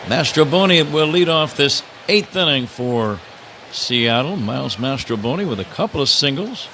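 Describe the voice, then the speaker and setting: Broadcasting live from a ballpark booth, an American play-by-play announcer calls a baseball game on radio with a medium-pitched, animated voice that is bright and forceful, at normal speed. Clear outdoor stadium noise runs through the noisy broadcast.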